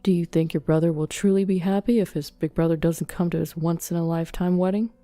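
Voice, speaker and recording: A woman's voice: lowish voice, little pitch movement, fast talker, no echo, faint music behind, lightly acted. A woman reading a kind old fisherman. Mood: gentle. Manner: gentle, encouraging. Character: kind older man, a fisherman and old friend. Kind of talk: storybook reading.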